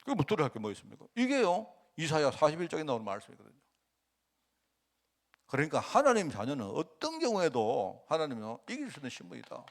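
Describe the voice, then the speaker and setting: Middle-aged guy pastor preaching casual, lively up and down voice, lots of rhetorical questions. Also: fairly high pitch, quick pace, creaky. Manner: conversational preaching, rhetorical questions, acts out quotes. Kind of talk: sermon.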